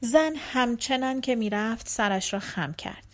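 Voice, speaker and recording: A woman reading a short story aloud in a calm, measured narrating voice. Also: on the high side. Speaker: audiobook narrator. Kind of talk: scripted narration.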